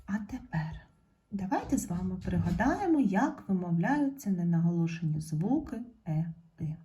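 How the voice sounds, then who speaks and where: A woman teacher giving a recorded video lesson to young pupils, dictating words clearly and praising the class as she guides them step by step. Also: lowish voice, very animated, mellow. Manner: slow, clear dictation of words for children to write down. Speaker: primary school teacher.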